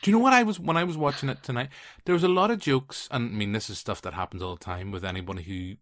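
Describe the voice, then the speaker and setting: A man in his late thirties hosting a casual film podcast, telling stories with quick asides and lively restarts. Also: mid-range voice, dry recording, clean studio sound. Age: 30s. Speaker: podcast host.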